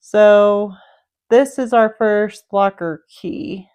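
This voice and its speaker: A woman's voice: mid-range voice, fairly even intonation, very slow, darkish tone, clear, resonant tone. A woman casually talking through a video game, explaining each step and thinking aloud as she plays. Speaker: gameplay commentator. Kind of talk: casual game walkthrough commentary.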